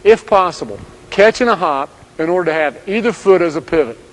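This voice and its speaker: Man, high-pitched voice, coach narrating, calm instructional read, clear direct commands. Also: a little fast, loud music behind the voice, low-quality recording. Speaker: basketball coach.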